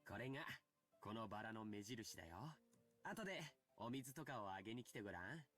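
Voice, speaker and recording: A man voicing a kind young man in a visual novel, speaking softly and encouragingly. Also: fairly low pitch, expressive, rapid-fire, soft background music. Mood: gentle. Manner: soft, coaxing, encouraging. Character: gentle kind young man, big-brother type. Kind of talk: anime game voice acting.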